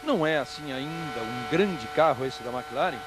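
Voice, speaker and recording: A man's voice: medium pitch, lively intonation, normal speed. A man with a Brazilian Portuguese accent giving live technical analysis as a motorsport commentator, explaining in a conversational way. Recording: clear engine and track noise behind. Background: race cars and outdoor ambience.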